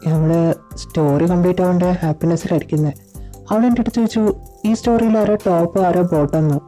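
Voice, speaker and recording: A woman voicing a possessive, teasing young male lover in an audio story drama, speaking low and smug. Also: fast talker, dark tone, faint music behind, lightly acted, poor audio. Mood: doting. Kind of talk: audio story drama with one reader voicing all roles.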